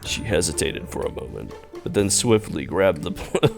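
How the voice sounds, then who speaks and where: A man's voice: sits low, lively intonation, gravelly, music in the background. A young man playfully reading game narration aloud while streaming. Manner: playful, quick to laugh.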